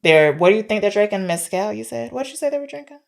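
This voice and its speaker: This podcast co-host has a mid-range, creaky voice and talks fast and animatedly. She casually walks through a film's story, working out her thoughts as she speaks.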